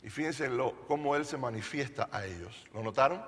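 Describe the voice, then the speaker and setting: A man's voice: medium pitch, fairly quick, a bit bright, big-room sound. A male pastor preaching a sermon to a congregation, emphatic and playful, often asking them questions. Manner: playful, jokes with the audience. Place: church service.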